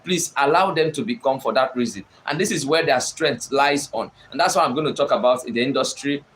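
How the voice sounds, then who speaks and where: A man's voice: medium pitch, brisk, fairly bright tone, slight background noise. A man giving a motivational talk on leadership, repeating his points with emphasis and asking listeners if they follow. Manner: repetitive, emphatic, addresses listeners directly. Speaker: speaker teaching on leadership. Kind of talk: motivational teaching monologue.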